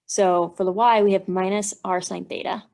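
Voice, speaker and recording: An engineering instructor, a woman with a creaky, mid-range, darkish voice, gives an instructional walkthrough while thinking aloud through math problems. She speaks at normal speed in a steady tone, explaining methodically step by step.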